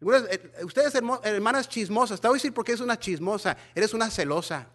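Male pastor, high voice, bilingual sermon, animated. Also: fast. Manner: animated preaching, mixing Spanish and English, acting out gossiping church members.

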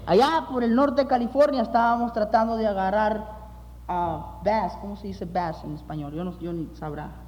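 A man preaching as pastor, emphatic, repeating phrases for weight and dropping low at the ends of phrases. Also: normal speed, dull audio, slight background noise. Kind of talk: sermon with illustrative stories. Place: church sanctuary. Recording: long hall reverb.

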